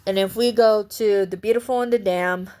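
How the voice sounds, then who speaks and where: A woman's voice: mid-range voice, steady tone, moderate pace, darkish tone. A woman giving a casual vlog book review in a chatty, rambling way, often breaking into laughs.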